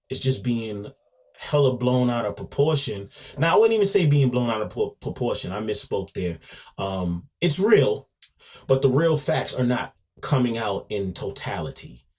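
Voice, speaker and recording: Man, podcast host, casual monologue, mid-pitched voice, emphatic, restarts and repeats. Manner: swings between loud and quiet.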